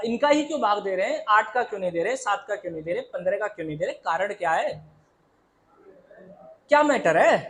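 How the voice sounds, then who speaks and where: High-voiced man teaching a lively math class. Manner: lively, keeps asking students to answer aloud; calls students "beta" and "babu".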